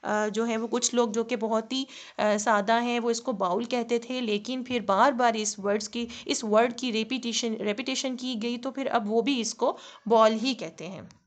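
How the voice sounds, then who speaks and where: A woman teaching English pronunciation in a tutorial, patiently explaining words and repeating each one slowly and deliberately. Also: on the high side, steady tone. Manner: patient, plain explaining with frequent fillers.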